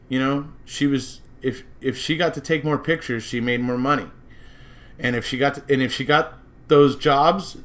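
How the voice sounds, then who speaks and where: With a medium-pitched, fairly bright voice, an American true-crime commentator muses in a loose, speculative monologue. He wanders off track and keeps returning to restate the same points.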